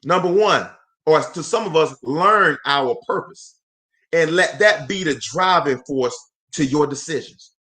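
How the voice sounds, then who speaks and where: Unhurried yet fervent, a man in his forties hosts a live motivational talk in a sharp voice on the high side. He preaches in cadence, repeats phrases for emphasis, and calls out to those watching.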